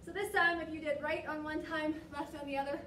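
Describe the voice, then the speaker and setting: A young woman working as an aerobics instructor, calling out cues and encouragement in short, energetic, motivating bursts. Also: sits high, a little fast. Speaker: aerobics and fitness class instructor. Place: large gym studio, indoors. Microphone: distant camera microphone. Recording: echoey gym, distant mic, noisy.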